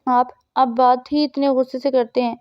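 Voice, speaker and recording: A woman's voice: high voice, level tone, clear, resonant tone, no room sound, lo-fi sound, natural voice. A woman reading the part of a timid, innocent young bride who stammers nervously. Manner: hesitant, stammering.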